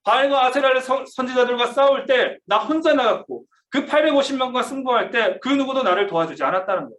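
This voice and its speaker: High-voiced man preaching in a roomy hall. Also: expressive, fast talker, a bit bright. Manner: storytelling, asks listeners questions, acts out quotes. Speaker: youth pastor. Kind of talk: sermon to teens over video call. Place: church room. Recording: roomy, distant mic.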